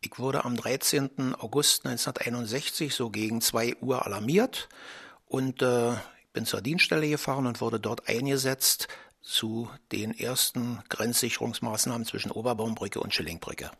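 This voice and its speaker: A man gives his account in a matter-of-fact way. His voice is bright and tense, with a gravelly, husky texture. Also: medium pitch, normal speed. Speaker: interviewee, former border guard. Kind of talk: recorded testimony.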